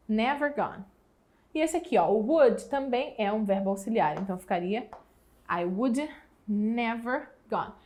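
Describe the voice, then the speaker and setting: Her voice sits on the high side with a darkish tone as this Brazilian teacher, accented in Brazilian Portuguese, leads an English exam prep lesson and lengthens each example word slowly.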